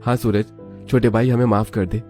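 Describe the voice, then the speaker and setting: A man's voice: fairly low pitch, little pitch movement, normal speed, warm tone, soft background music, voice pushed up, lightly acted. A man voicing a humbled, apologetic elder brother. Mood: remorseful.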